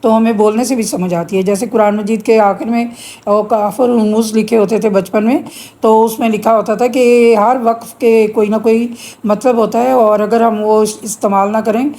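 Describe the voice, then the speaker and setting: A woman's voice: on the high side, fairly even intonation, mellow. Pakistani woman teacher explaining Urdu poetry. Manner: explains patiently, recites verses slowly. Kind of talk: classroom poetry lesson.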